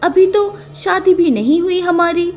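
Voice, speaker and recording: A woman voicing a young village daughter just back from her city studies, bright, pleading and quickly alarmed. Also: extremely high pitch, pitched above the performer's own voice. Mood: teasing.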